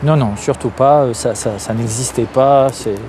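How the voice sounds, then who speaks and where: An activist from Algeria speaks candidly as an interview guest, frequently hesitating with fillers and restarting sentences. His medium-pitched voice is steady and a little mellow at a moderate pace, with a slight hiss or hum in the recording.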